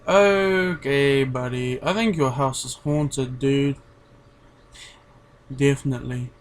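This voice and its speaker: A man's voice: mid-range voice, slow, a little mellow, a little hiss or hum. Rambling young-sounding male reactor. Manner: rambling, filler-heavy, laid-back. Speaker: reaction video host. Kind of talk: casual commentary.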